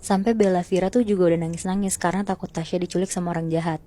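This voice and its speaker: A woman's voice: fairly low pitch, fairly even intonation, very fast, dark tone. A woman telling a horror story to a friend in a chatty, slangy way, often calling out to her listener.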